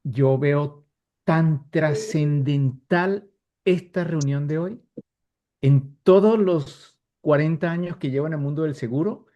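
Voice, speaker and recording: A man's voice: on the high side, dark tone, dull audio. An older man with a coastal Colombian accent, giving earnest, emphatic remarks with rhetorical questions in an online discussion. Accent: coastal Colombian (costeño). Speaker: participant commenting from the audience. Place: remote online call.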